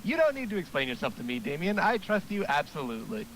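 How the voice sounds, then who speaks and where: A man's voice: a little high, sing-song, fast, a bit bright, a little hiss or hum, voice pushed up, low-quality recording. A man voicing a gung-ho, cheerfully oblivious male monster gym coach for a game stream. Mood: eager.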